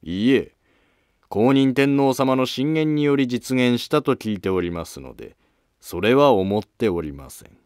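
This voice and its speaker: A man voices a courteous yet probing court noble in a scripted historical drama, his lines formal, deferential and insinuating. He speaks unhurriedly at a medium pitch with lively intonation and a natural, darkish, clean tone. The recording is clean studio sound without echo.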